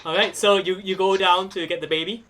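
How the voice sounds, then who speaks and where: A man serving as game master for a live-streamed tabletop wrestling game, animated and quick to laugh. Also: high voice. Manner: animated, laughing, voices characters.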